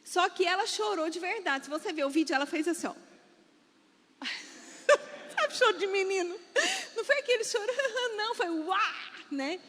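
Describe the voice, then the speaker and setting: A woman with a Brazilian accent preaching in church, telling a personal story with lively acted-out quotes. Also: extremely high pitch, quick pace. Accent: Brazilian Portuguese. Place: church hall. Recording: long church hall reverb.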